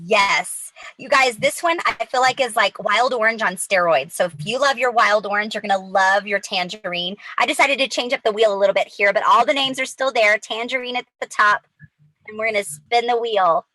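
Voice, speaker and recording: Bright-voiced woman hyping a giveaway. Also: mid-range voice, normal speed, no room sound, rough recording. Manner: excited, chatty, addresses viewers as you guys. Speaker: host of a live giveaway. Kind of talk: hyped giveaway announcement.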